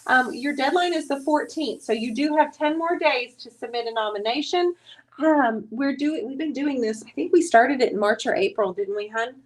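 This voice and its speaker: Play a chatty woman running a live stream as she paints furniture. Her voice sits a little high. She talks loosely and casually, greets viewers by name and teases the person off to the side. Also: normal speed.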